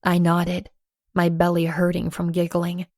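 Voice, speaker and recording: A woman narrating a first-person romance audiobook, playful and lively with acted dialogue. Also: on the low side, unhurried, no room sound, clean studio sound.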